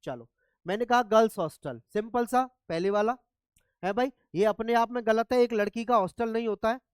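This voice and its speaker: A man with a high, clean-toned voice, captured in a dry recording, teaches English grammar in a classroom lecture. He keeps asking his students whether they follow.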